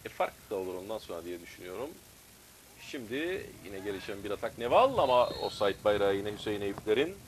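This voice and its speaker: A man's voice: fairly low pitch, brisk, rough recording. Male football commentator, live play-by-play breaking into screamed calls, faint background noise. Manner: bursts into loud, excited shouting at key moments.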